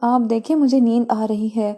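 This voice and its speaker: A meek young sister in a spoken storybook, read by a woman narrator. She answers softly and politely in a slightly high, very mellow voice. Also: steady tone, lightly acted.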